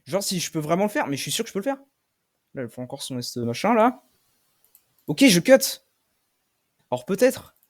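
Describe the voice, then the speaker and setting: A young man commentating his own game play, swearing often and shouting when he loses. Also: fairly high pitch, big pitch swings, fast. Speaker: gaming streamer.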